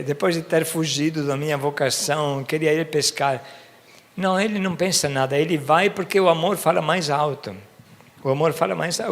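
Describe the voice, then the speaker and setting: A man's voice: on the high side, a bit bright. A priest preaching a homily in a conversational way, often checking that his listeners follow. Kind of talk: sermon. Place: church. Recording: long reverb of a church hall.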